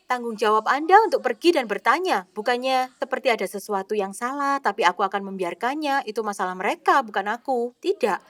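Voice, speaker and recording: A woman preaching a sermon with a fairly high voice. She speaks expressively and acts out the people she quotes. The sound is dry and close, with almost no room echo. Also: a bit bright. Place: studio voice-over dub.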